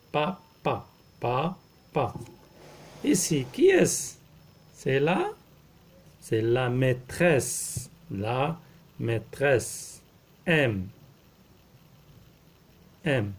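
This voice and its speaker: A man, a primary school teacher slowly explaining a lesson, repeating words and spelling out letters. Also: fairly high pitch, slightly rough. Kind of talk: slow classroom explanation.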